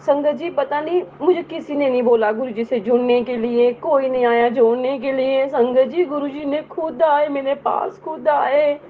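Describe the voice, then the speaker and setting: A woman's voice: high voice, steady tone, normal speed, few pauses. A middle-aged woman giving an earnest personal testimony to a congregation, often addressing her listeners directly. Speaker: devotee sharing a testimony. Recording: tinny phone-like audio, faint hiss.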